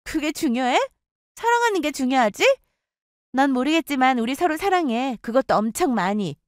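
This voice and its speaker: A woman's voice: high voice, sing-song, moderate pace, dry recording, studio quality, voice pushed up. A woman voicing a jealous, taunting young woman who gloats over stealing her friend's ex. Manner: smug, gloating and needling. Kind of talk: storytelling with acted dialogue.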